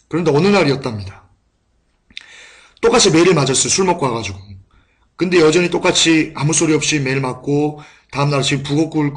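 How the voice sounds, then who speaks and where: A man with a high voice preaches a sermon. He tells a story and keeps turning to his listeners, calling out to them as he goes. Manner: storytelling, repeatedly addressing the congregation.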